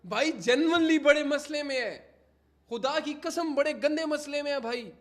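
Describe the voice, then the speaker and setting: A man's voice: extremely high pitch, unhurried, a bit bright. A young man livestreaming in casual chat, mixing English phrases into Hindi while he keeps pleading with his viewers to stop laughing. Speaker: livestreamer giving advice to chat.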